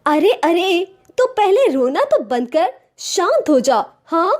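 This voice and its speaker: A woman's voice: very high-pitched, very animated, slow pace, darkish tone, pitched above the performer's own voice, full character voice. A woman playing a soothing young friend. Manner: soothing, chatty.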